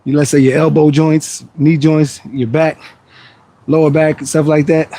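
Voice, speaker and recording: A man's voice: on the high side, flat delivery, moderate pace, mellow. A man in his forties chatting casually on a fitness livestream, answering viewer questions between sets in a laid-back, rambling way. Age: 40s.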